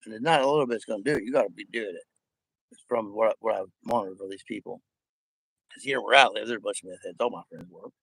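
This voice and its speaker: A man's voice: lowish voice, fast talker, gravelly, a bit bright, slightly rough, no room sound, rough recording. A man with missing front teeth in a casual, profanity-laden rant, talking in a rambling, emphatic, repetitive way. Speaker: vlogger addressing viewers.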